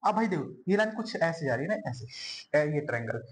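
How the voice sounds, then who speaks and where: A man's voice: on the high side, sing-song, brisk. A young man teaches a math lesson at a whiteboard. He is chatty and casual, calls his students bhai and yaar, and repeats words as he draws. A faint hiss of room noise sits behind his voice.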